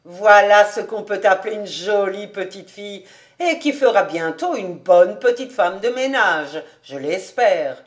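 A woman reading an audiobook, voicing an excitable, argumentative old village rabbi in a loud, indignant manner. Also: sits high, moderate pace, few pauses, pitched above the performer's own voice, close to an everyday voice. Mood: fond. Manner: loud, indignant, mocking laughter.

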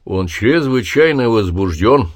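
A stern hospital doctor, curt and commanding, his voice raised a little above the reader's deep tone and loud, as a man puts him on. He barks orders in a storybook reading, with a dry, close sound. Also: expressive, unhurried, no room sound. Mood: worried.

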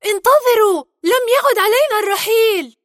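A woman's voice: very high voice, animated, fast, a bit bright, dry recording, studio quality, voice pushed up. A woman voicing an eager, friendly young male clan heir in a storybook tale.

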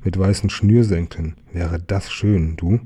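A man's voice: low-pitched, a little slow, warm tone, breathy edge. A man voicing a dreamy, wishful little male bear cub in a children's storybook reading.

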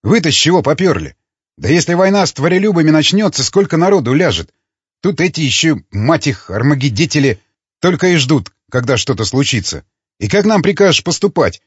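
Husky, hectoring male loyalist, read by a man; lively swings, dry lo-fi audiobook sound. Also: a little high, brisk, no room sound, voice pushed up. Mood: exasperated. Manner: hectoring, argumentative. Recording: dull lo-fi recording.

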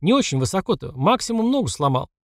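A mocking young street thug talks with easy menace in a slightly high voice, a man putting him on for an audiobook. The sound is dry and close, with no room at all. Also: sing-song, fast talker, no room sound. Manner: mocking, casual street talk.

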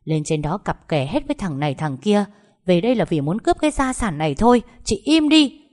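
A woman voicing a scheming, sharp-tongued sister-in-law who scolds servants. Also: lowish voice, very animated, fast. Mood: scolding. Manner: scolding, sneering.

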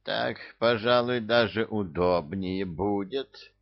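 An ancient giant demon, creaky and wheezing, takes his time over every word, as a man reads him in an audiobook. The voice sits low and drags along. The recording is a little muffled. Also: takes it slowly. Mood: wheezy, plodding. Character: ancient three-meter male demon, wheezing, creaky pensioner. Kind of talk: audiobook character voice.

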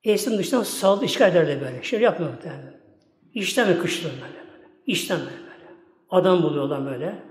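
High-voiced male preacher in an echoey hall. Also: lively intonation, fast. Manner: keeps repeating "my esteemed ones" and "like this"; folksy, rambling storyteller. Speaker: Islamic preacher. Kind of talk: religious talk with storytelling. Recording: echoey hall with long reverb, faint music.

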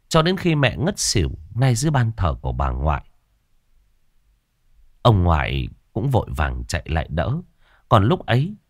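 Male ghost-story narrator, very low voice with lively, dramatic pitch swings, dry close recording over soft music. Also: dry recording.

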